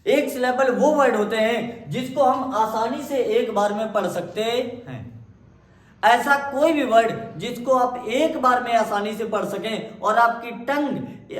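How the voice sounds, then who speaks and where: High-voiced teacher in echoey room. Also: male voice. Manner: asks questions and answers them himself; repeats key words for emphasis. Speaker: English teacher. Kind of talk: classroom grammar lesson in Hindi.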